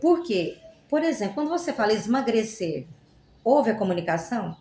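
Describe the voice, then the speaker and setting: Animated teacher in an echoey room. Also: female voice, a little high, moderate pace, a little hiss or hum. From Goiás, Brazil. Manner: animated, teacherly, asks rhetorical questions, playful examples. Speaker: Portuguese teacher, guest. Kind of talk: casual explanatory chat.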